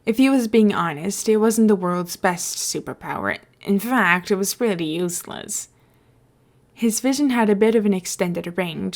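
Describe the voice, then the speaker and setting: With a mid-range, darkish-toned voice, this podfic reader tells the story informally and drops in casual remarks along the way.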